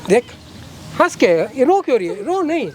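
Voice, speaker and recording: A man's voice: extremely high pitch, sing-song, normal speed, a little hiss or hum. A man playing a corrupt, coercive lawyer who talks down to a girl in a coaxing, threatening way. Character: corrupt scheming male lawyer, menacing and coercive. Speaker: villain in a short film.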